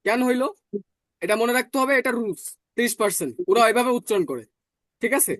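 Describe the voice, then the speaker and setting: A man teaching German in an online class, explaining patiently and slowly repeating words. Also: extremely high pitch, expressive, a bit bright, dry recording, clean studio sound.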